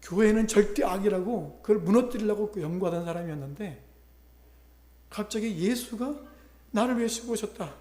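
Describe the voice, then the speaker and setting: A man's voice: sits high, normal speed, dark tone, echoey room. A male pastor preaching a sermon, retelling a conversion story and voicing the people in it. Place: church sanctuary.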